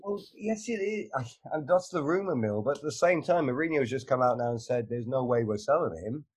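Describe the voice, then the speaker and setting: A man's voice: mid-range voice, expressive, a little fast, husky. A man in a casual sports chat, giving opinions and wry jokes. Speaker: co-host.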